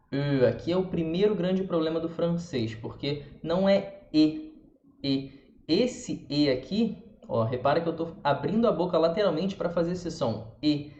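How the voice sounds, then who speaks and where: A man with a Brazilian Portuguese accent teaching a pronunciation lesson, demonstrating sounds slowly and repeating them for the viewer. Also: fairly high pitch, dark tone, slight background noise. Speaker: language teacher. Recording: roomy, dull lo-fi sound.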